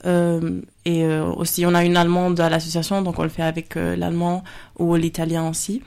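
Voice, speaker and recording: Radio guest, woman in her twenties, Spanish accent, flat steady delivery, halting. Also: lowish voice, smooth. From Spain. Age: 20s. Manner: hesitant, many fillers. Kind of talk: radio interview answers. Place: radio studio.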